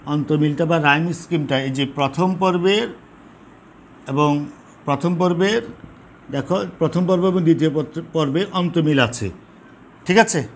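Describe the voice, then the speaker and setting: A man teaching a lesson on poetic meter, explaining patiently, repeating key terms and counting syllables slowly. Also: on the high side. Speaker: Bengali literature teacher. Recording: faint background noise.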